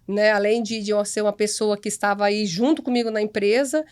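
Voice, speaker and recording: A woman's voice: mid-range voice, steady tone, brisk, a little mellow. A woman company director talking in a podcast interview, earnest and full of restarts, often checking in with "né?" and "entendeu?". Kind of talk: casual interview chat.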